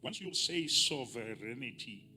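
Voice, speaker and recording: A bishop preaching a sermon at a pulpit microphone, moving between calm teaching and loud, shouted climaxes. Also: male voice, medium pitch, measured pace. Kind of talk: sermon, mixing English and Sesotho. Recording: music playing behind.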